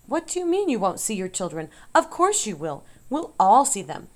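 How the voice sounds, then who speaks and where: A woman voicing an innocent, eager young male pig in an audiobook, pitched higher and full of questions. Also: expressive, normal speed, natural voice. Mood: excited. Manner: higher, wide-eyed, asks many questions. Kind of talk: audiobook character voice.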